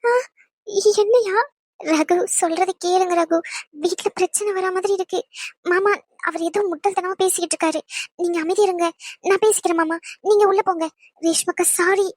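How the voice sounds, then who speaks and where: A woman's voice: sits high, steady tone, brisk, darkish tone, no echo, clean studio sound, natural voice. A woman voicing an upset young wife in a cartoon who pleads with her husband. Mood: pleading. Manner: pleading, agitated. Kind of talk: cartoon voice acting.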